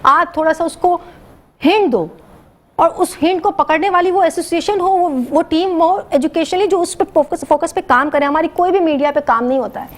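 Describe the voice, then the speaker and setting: A middle-aged Pakistani-accented woman talks as a guest on a morning show. Her voice sits high and she speaks in an earnest, animated way, slipping English words into her sentences as she makes her points. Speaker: guest educationist.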